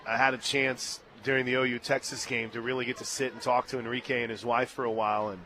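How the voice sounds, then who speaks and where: An American radio play-by-play announcer works a ballpark broadcast booth, blending lively game calls with easygoing chatter. His delivery rises to shouts on big plays and relaxes into conversation between pitches, and there's a faint hiss or hum on the recording.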